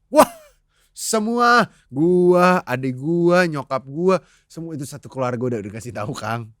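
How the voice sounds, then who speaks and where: A young man, chatting as a podcast guest, an animated storyteller who laughs often and mixes in English phrases. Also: fairly high pitch, unhurried, no room sound, clean studio sound. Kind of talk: casual chat.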